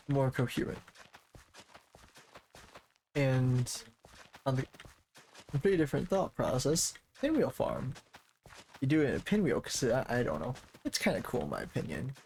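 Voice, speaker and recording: A man streaming a game from his desk mic, casual commentary that rambles and corrects itself, and he talks fast. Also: medium pitch, gravelly, a little mellow, slight background noise. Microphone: desk microphone.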